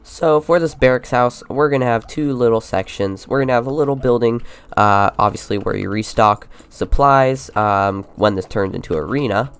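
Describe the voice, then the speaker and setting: A young man with a congested voice from a mild fever talks through his building project in a loose, rambling way, full of little fillers. His tone is smooth and clean at an ordinary pitch, and he sounds relaxed and easygoing. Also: moderate pace. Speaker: Minecraft YouTuber. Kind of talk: casual gameplay commentary.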